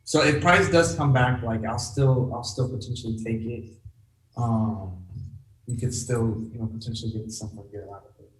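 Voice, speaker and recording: A man hosting a live trade room, excitable and chatty, addressing the group directly. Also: medium pitch, moderate pace, reverberant, distant mic, rough recording. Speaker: trade room signal host. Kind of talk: casual live trading chat.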